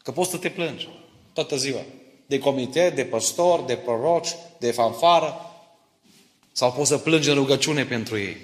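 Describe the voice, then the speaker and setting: A middle-aged man preaching a sermon in church. He tells stories from his family and explains Bible verses, often asking the congregation whether they follow him. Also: mid-range voice. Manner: personal stories mixed with Bible teaching, asks listeners for agreement. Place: church hall. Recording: echoey church hall.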